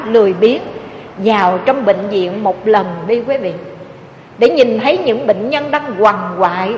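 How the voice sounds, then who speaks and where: A woman's voice: fairly high pitch, a little hiss or hum. A Buddhist nun, preaching a sermon with emotive storytelling and often addressing her listeners directly. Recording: echoey hall, dull lo-fi sound.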